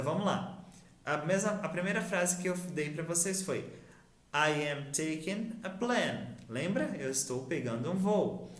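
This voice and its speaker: A man from Brazil teaching an English grammar lesson, explaining slowly and patiently and modeling English phrases with a Brazilian Portuguese accent. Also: a little high, roomy sound.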